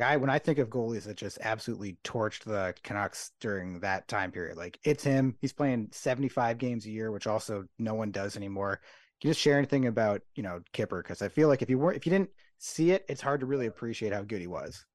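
Deeper voiced co-host rambling into a question, you know like, dry mic. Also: male voice, lively intonation, fairly quick, no room sound. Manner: chatty, many fillers, builds up to his question. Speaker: podcast co-host. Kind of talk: interview questions.

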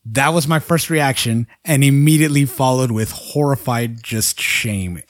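A man's voice: medium pitch, a little slow, no echo. Dry-voiced man on a casual podcast. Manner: chuckles at his own jokes, stumbles over foreign words. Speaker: podcast co-host.

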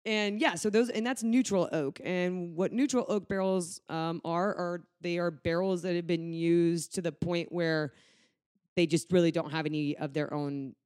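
A man's voice: sits high, fairly even intonation, normal speed, a little mellow, clear, resonant tone, no room sound, clean studio sound. A man co-hosting a podcast in casual chat, rambling with joking asides. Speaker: podcast co-host.

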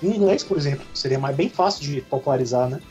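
A man's voice: mid-range voice, quick pace, dull audio, music in the background. A man with a Brazilian Portuguese accent hosting a casual podcast discussion in a rambling way, often seeking agreement. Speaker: podcast host.

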